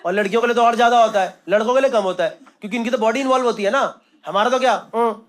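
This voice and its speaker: A man's voice: very high-pitched, rapid-fire, very noisy. A man performing stand-up comedy on stage, telling a story conversationally and acting out the other people in it. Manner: conversational, acts out quoted voices. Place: comedy stage before a live audience. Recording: live show, loud audience laughter. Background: crowd laughing.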